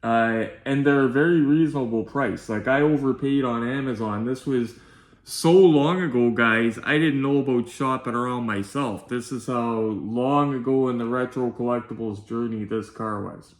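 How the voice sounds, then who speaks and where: A man with a nasal voice of medium pitch talks at normal speed, chatting casually with viewers as host of an unboxing vlog about collectibles. The recording sounds roomy and echoey.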